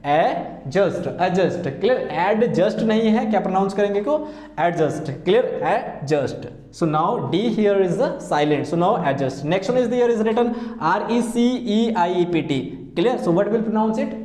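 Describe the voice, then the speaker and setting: A man's voice: high voice, measured pace, few pauses, darkish tone, echoey room. A man with an Indian accent teaching an English class, mixing Hindi and English, repeating words and quizzing his students. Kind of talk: classroom lesson.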